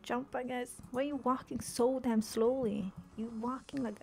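A woman streaming a video game, chatting casually, swearing often and reacting with quick exclamations. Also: fairly high pitch, fairly even intonation, vocal fry, a little mellow, faint music behind. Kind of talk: casual live-stream commentary while playing.

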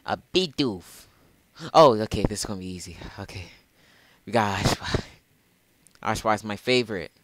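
A man's voice: on the low side, a little fast, a bit bright, dry recording. A man hosting a casual let's play, rambling and often correcting himself. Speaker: gamer, channel host.

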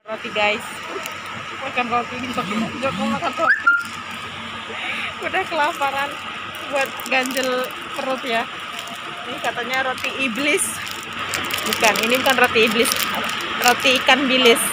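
In a crowded indoor stadium, a young vlogger with a high voice chats casually to viewers, holding her phone at arm's length. She speaks a little slowly with frequent pauses, calling her audience "guys," amid very heavy noise.

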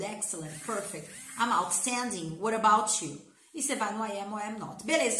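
A Brazilian woman teaches English with bouncy, playful energy, coaxing learners to repeat after her. Her voice sits a little high, and a cold colors her speech. She is recorded in a noticeably echoey room. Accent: Brazilian Portuguese. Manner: lively, playful, coaxing repetition with slangy asides. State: has a cold. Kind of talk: energetic online English lesson.

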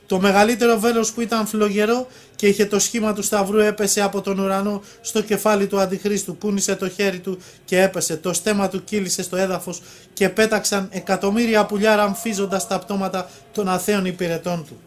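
A man reading a religious prophecy aloud at a steady pace, now and then stumbling and restarting a word. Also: high voice.

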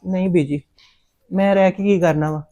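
A man's voice: high voice, steady tone, normal speed, dark tone, close to an everyday voice. A man with a Punjabi accent playing a young adopted son who is ashamed and insists on leaving home. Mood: hurt pleading.

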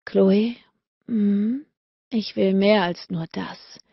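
A woman voices an intense adult male lover in an audiobook, murmuring low with a rough, deep quality. The voice is gravelly and husky. The recording is dull and dry. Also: extremely slow, dry recording, exaggerated voice. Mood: sleepy, tender. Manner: low, murmured, breathy delivery.

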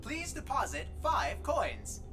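A woman voicing an automated payphone operator, heard as a recorded payphone message repeating a flat prompt. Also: sits high, slow, full character voice. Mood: insistent. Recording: distant game audio over music.

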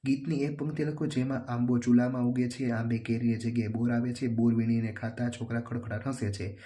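Man reading workbook answers in a mellow voice. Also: medium pitch. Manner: steady, plain reading, slowing for rhymes. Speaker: teacher going over a workbook.

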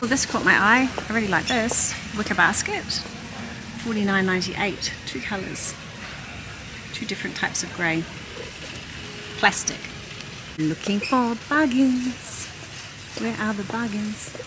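Loud store noise fills the background as a middle-aged vlogger browses a busy warehouse store, filming on a handheld phone. Her medium-pitched voice is a little slow with long pauses, chatty as she thinks aloud.

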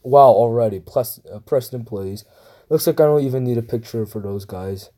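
A young man playing a guessing game reads each question aloud, then mumbles low-key answers at a normal pace in a mellow voice. His phone's screen recorder picks it up, and he gets livelier at the start of each round.

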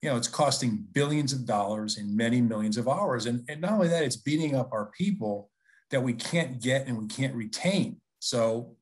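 Male webinar presenter, conversational and persuasive, average pitch. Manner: conversational, persuasive, with frequent restarts.

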